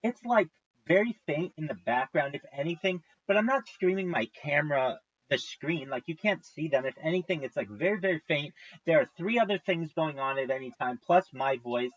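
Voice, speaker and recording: A man's voice: fairly high pitch, lively intonation, a little fast, no echo, lo-fi sound. A man in his thirties, a livestreamer, tells a long story in a casual, profane, exasperated way. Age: 30s.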